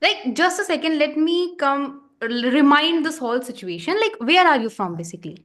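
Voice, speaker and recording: A young woman hosts a relaxed podcast chat, her voice sitting a little high. She fires off quick, curious questions and keeps the guest going with short okays. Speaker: podcast host. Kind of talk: casual interview.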